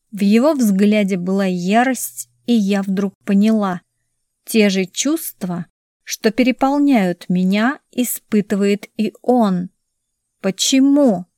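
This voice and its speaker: Lady reading a novel, slow and even, dry close mic. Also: mid-range voice, no echo. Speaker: audiobook narrator. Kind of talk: first-person novel narration.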